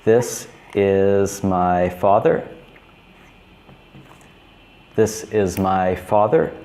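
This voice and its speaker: A man in his thirties teaching beginner English, repeating each simple phrase slowly and clearly. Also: low voice, fairly even intonation, warm tone. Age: 30s. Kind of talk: slow, repetitive teaching for beginners.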